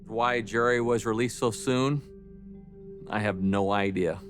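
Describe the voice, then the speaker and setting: A man speaking as a detective in a documentary interview, recounting case facts in deliberate, official phrasing. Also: on the low side, fairly even intonation, soft background music.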